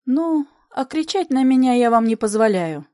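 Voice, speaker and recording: A woman's voice: on the high side, expressive, moderate pace, dark tone, dry recording, studio quality, close to an everyday voice. A woman reading an audiobook, voicing a bold, proud young mother with a commanding manner.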